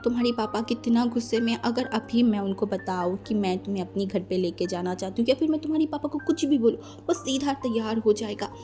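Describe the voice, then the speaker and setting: A woman voicing a calm young husband in a fan-fiction story who makes soft, slow, teasing threats over the phone. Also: fairly high pitch, soft background music, natural voice. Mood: menacing.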